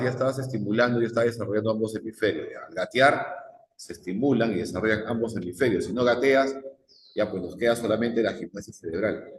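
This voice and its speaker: A male psychology teacher, lecturing a class and firing repeated questions at the students. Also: fairly low pitch. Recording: echoey classroom with long reverb.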